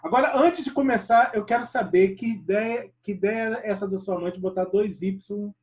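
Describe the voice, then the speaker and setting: A woman's voice: mid-range voice, normal speed. A woman from Brazil hosting an interview over a video call, reacting with exclamations and laughter. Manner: expressive, exclaims and laughs along. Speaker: interview host. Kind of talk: casual interview.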